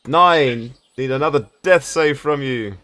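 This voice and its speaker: A man's voice: medium pitch, unhurried, bright, forceful tone. A man narrating a tabletop game as game master, stammering through restarts and chuckling at the table.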